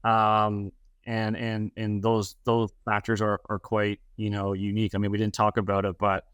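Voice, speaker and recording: Hesitant Canadian man, low flat voice. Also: normal speed, clear, resonant tone, dry recording. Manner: hesitant, many fillers and restarts. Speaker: real estate advisor guest. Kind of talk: podcast interview answer.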